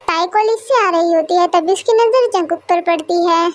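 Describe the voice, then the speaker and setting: A woman's voice: extremely high pitch, moderate pace, no room sound, studio quality. A woman narrating a fan story and voicing its sweet, caring heroine. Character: kind caring young woman, college student.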